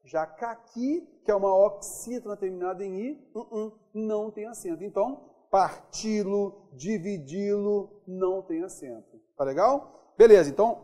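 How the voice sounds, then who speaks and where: A man with a Brazilian accent teaching a grammar lesson. He stretches out example words slowly and keeps checking in with his students. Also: sits high, mellow. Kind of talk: classroom lesson on accent rules.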